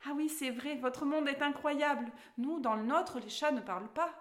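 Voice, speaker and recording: A woman's voice: high voice, moderate pace, voice pushed up, close to an everyday voice. A woman voicing a curious, eager little girl heroine in a storybook reading.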